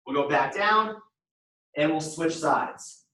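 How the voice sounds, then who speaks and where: A man leads a workout class, calling out step-by-step cues in short, repeated instructions and counting down reps live. His voice is fairly high, slow, pushed and bright. The room echoes and he stands far from the mic.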